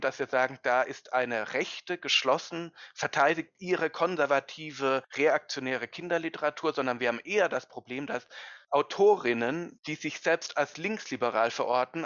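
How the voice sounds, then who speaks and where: A man's voice: medium pitch, sharp tone, no room sound. A man speaking as an expert guest in a podcast discussion, earnest and lecturing, with emphatic stresses. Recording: dull lo-fi, dry.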